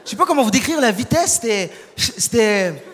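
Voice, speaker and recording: A young man doing a stand-up set for a live crowd on a hall stage, energetic and quick, often shouting and putting on voices. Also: very high-pitched. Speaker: stand-up comedian. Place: large hall on stage before a live audience. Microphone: stage microphone. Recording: live hall recording with long reverb.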